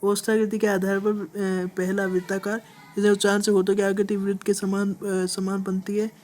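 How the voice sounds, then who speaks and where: A woman's voice: medium pitch, level tone, normal speed, a little mellow, faint music behind. A woman teaching a grammar lesson, explaining step by step, often checking in with "okay" and drawing out vowel sounds as examples. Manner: repeats points with frequent "ठीक है" checks.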